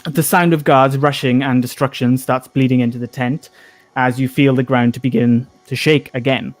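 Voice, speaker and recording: A man narrating a tabletop game as game master in a casual, improvised, halting way. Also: medium pitch, steady tone.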